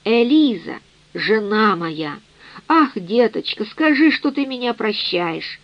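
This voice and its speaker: A woman's voice: mid-range voice, animated, takes it slowly, no echo, highs cut off. A woman voicing an aging, self-pitying father who laments and wails theatrically. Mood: pleading.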